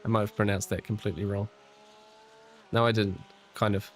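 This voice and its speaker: A man's voice: on the low side, brisk, slight background noise. Chatty New man streaming. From New Zealand. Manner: relaxed and chatty, with frequent restarts and fillers while reading chat aloud; friendly, encouraging teammate. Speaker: live-stream host. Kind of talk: casual live-stream chat over sim racing.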